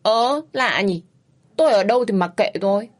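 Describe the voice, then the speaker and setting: A woman voicing a fiery, stubborn young woman who speaks in high, shrill outbursts and pleads loudly. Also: animated, moderate pace, lightly acted. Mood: defiant.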